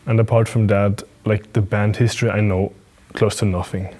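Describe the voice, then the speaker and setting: Young austrian guy, warm mellow voice, trips over words a bit. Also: fairly low pitch, level tone, moderate pace. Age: young adult. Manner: plain, a little stumbling. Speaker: interviewee.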